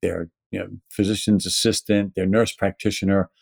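A man's voice: deep voice, little pitch movement, moderate pace, gravelly, dry recording, clean studio sound. A man with a Brooklyn accent explaining things conversationally and emphatically, as an educator being interviewed. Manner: emphatic, poses rhetorical questions. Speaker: pharmacist educator, interview guest.

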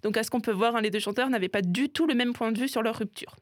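A woman's voice: a little high, dry recording, studio quality. A woman hosting a music segment, explaining things in a chatty way with frequent little asides. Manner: chatty explainer, sprinkling "hein" and quick asides. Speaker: show host. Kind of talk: presenting a themed music segment.

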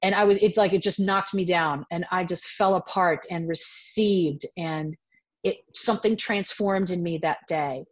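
A woman in her forties, a self-defense teacher, telling a personal story in an interview in an animated way and breaking into voiced quotes of herself. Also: lowish voice, moderate pace. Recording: dull lo-fi audio.

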